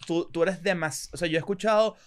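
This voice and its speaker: A man's voice: sits high, a little fast. A man co-hosting a casual podcast, teasing the guest with probing questions.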